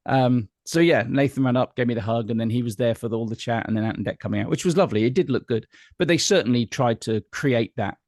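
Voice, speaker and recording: A man's voice: mid-range voice, quick pace, a little mellow, dry recording, studio quality. A middle-aged man, a guest entertainer chatting casually and telling anecdotes in an interview.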